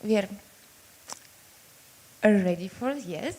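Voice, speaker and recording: A woman's voice: mid-range voice, lively intonation, slow, a little mellow, a little hiss or hum. A woman from Bulgaria moderating a conference Q&A, speaking politely and formally.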